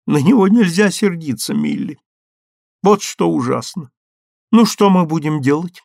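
A man's voice: big pitch swings, measured pace, vocal fry, a little mellow, no room sound, clean studio sound, exaggerated voice. A man reading an audiobook, voicing a young actress in a raised, passionate, exclamatory voice. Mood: exasperated. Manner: passionate, exclamatory, high-pitched. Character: young female musical-comedy star, fiery, theatrical.

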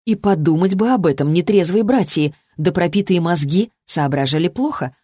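A man narrating an audiobook in a steady, even storytelling manner. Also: high voice, normal speed, no echo, clean studio sound. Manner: steady, even storytelling with lightly voiced dialogue. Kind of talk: scripted narration.

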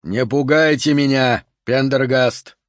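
A man's voice: medium pitch, fairly even intonation, takes it slowly, dry recording, studio quality, natural voice. A man reading an audiobook voices a blustering, short-tempered male police chief who barks his orders. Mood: sneering. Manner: barking, shouting.

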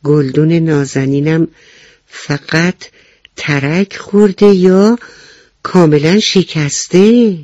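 A man voicing a calm, forgiving mother mouse in a children's story, speaking softly and slowly. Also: a little high, no room sound, lo-fi sound, close to an everyday voice. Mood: gentle.

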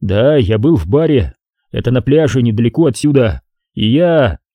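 A man's voice: mid-range voice, expressive, normal speed, no room sound, lo-fi sound, natural voice. A man voicing a nervous, defensive suspect. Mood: anxious. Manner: anxious, defensive. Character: nervous, defensive male researcher under questioning.

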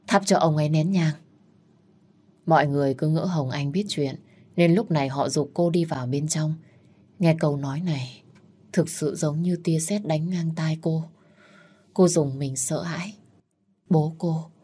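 A woman narrating a sad family story in a slow, sorrowful way. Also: deep voice, warm tone, breathy edge.

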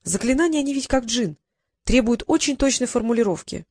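A woman narrating an audiobook in an even storytelling cadence. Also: fairly high pitch, brisk, dry recording, studio quality. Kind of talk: scripted narration.

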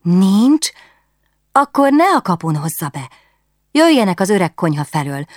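A woman voicing a headstrong, excitable young noblewoman who gives eager, commanding orders. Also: dry recording, clean studio sound. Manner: eager, commanding, high-strung.

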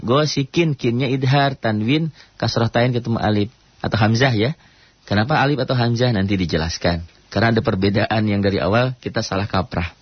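A man teaching Quran recitation rules on a radio program, rattling off quick explanations and then chanting verses slowly and drawn out. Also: medium pitch, slightly rough, no room sound, dull audio. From Indonesia. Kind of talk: radio tajwid lesson.

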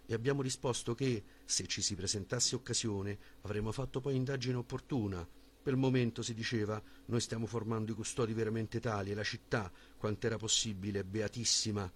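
A man reading a philosophical dialogue as an audiobook in a measured, formal voice with a husky tone. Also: medium pitch. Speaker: audiobook reader.

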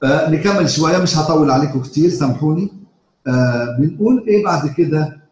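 A man with an Egyptian Arabic accent teaching a live class on Quran readings. He explains in casual speech, stops often on filler sounds, and chants quoted verses slowly. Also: on the high side, darkish tone, echoey room, rough recording. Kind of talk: live lesson to students.

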